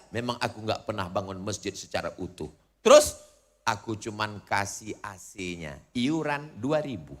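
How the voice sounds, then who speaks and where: A middle-aged man preaching a sermon to a large crowd outdoors, telling stories with humor, asking the crowd questions and shouting at the peaks. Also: lowish voice. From Indonesia. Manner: animated, humorous storytelling with call-and-response and shouted peaks.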